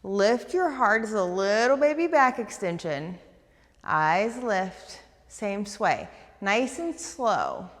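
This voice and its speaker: A woman leading a guided stretching class, talking fast and eagerly as she gives coaching cues. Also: mid-range voice, sing-song, long reverb tail. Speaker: fitness instructor.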